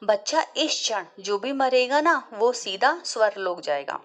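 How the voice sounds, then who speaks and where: A woman voicing a calm, wise old male guru who speaks gently to his disciple. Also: a little high, measured pace. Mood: fatherly.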